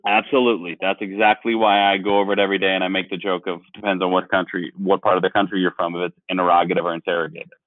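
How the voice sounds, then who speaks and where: A man's voice: low voice, flat delivery, quick pace, hardly any pauses, no room sound. A male teacher leading an online grammar lesson, explaining patiently and asking the class questions. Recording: dry, phone-like sound.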